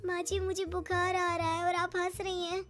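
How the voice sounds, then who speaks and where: A woman's voice: very high voice, monotone, moderate pace, a bit bright, soft background music. A woman voicing a young cartoon daughter-in-law who is upset and indignant. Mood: angry. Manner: indignant pleading. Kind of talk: cartoon voice acting.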